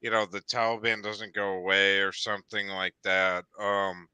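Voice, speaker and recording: A man with a sharp, forceful voice and crisp sound leads a casual discussion. He rambles and hesitates, often searching for words. The sound is dry and close. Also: fairly low pitch, level tone, normal speed, no echo.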